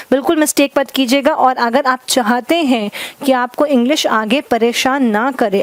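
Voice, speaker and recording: A woman teaching grammar, speaking in a fairly high voice that is recorded close and dry. She mixes Hindi with terms and calls her viewers "guys." She dictates each example sentence slowly, one word at a time. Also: a little mellow, no room sound. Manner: addresses viewers as "guys", repeats "ठीक है" often. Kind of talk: classroom grammar lesson.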